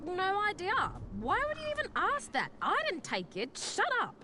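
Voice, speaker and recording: A woman's voice: a little high, animated, moderate pace, fairly bright tone, slight background noise. A woman playing a brash, cagey young tech tinkerer in a video game, with a sarcastic, cheeky, slangy delivery. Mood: defensive.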